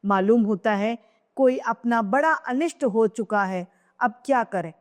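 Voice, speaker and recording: A woman voicing a troubled king, speaking in a lower voice with anxious unease. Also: a little slow, in a large hall, close to an everyday voice. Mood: uneasy. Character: stricken king, fearful and uneasy father.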